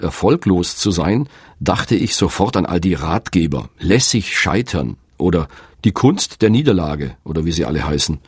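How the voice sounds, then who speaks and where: A man's voice: low-pitched, breathy edge, no echo, studio quality. A middle-aged man, an author, narrating in a candid, reflective and self-deprecating way. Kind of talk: scripted narration.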